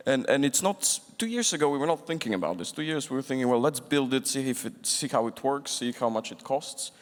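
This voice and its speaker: Guy from bulgaria on a fintech panel, mid pitch, thinks out loud, echoey big hall. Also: animated, a little fast. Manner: thoughtful, with frequent restarts. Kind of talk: conference panel discussion. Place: large conference hall. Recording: long reverb of a conference hall.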